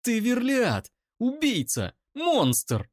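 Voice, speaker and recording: Shrieking enraged young woman, voiced by a male reader, lively pitch, dry close sound. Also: very slow, no echo, heavily acted. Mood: furious. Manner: screaming, raised pitch. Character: furious young woman shouting accusations.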